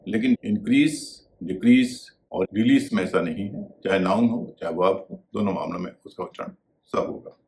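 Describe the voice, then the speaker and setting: Man, low register, patient instructional pronunciation lesson. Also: normal speed, a little mellow. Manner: explanatory, spells out letters and contrasts word pairs. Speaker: English teacher.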